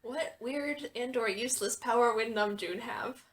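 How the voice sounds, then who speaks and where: A woman's voice: fairly high pitch, normal speed. A young woman from Texas co-hosting a podcast in casual, joking chat and swearing freely. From Texas, USA. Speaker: podcast co-host. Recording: faint background noise with clicks.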